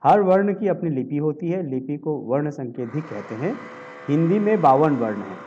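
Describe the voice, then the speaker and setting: A man teaching a Hindi grammar lesson for exam preparation, explaining step by step and often pausing to check in with his students. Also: on the high side, expressive, dark tone, muffled recording, slight background noise. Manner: explanatory, checks in with repeated tag questions.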